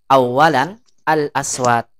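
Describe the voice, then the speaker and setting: A woman with a low, smooth, clear voice teaches an Arabic class. She stretches the long vowels as she drills each word. She stops often to ask the class if they follow. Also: fairly even intonation, slow. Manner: asks the class check questions.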